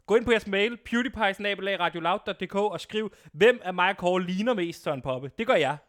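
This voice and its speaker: Young guy radio host, loud and cocky, kinda high voice, goofing around in the studio. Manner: loud, boisterous, self-important. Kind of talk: comedic radio banter. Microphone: studio microphone.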